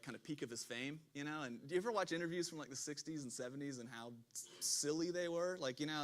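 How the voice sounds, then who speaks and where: A man leading a relaxed Bible discussion as pastor, chatty, laughing and breaking off mid-sentence. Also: medium pitch. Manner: chatty, self-interrupting, laughs often. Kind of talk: conversational Bible study talk.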